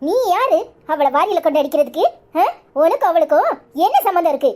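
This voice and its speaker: Woman doing a shrill scolding village wife. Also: animated, a little fast, a little mellow. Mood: angry. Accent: Kanyakumari Tamil. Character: quarrelsome young village wife, sharp-tongued. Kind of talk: cartoon voice acting.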